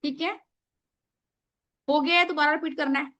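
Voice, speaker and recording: A woman teaching a live online workshop over a video call, naming participants and dictating affirmations slowly for them to write down. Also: sits high, fairly even intonation, a bit bright.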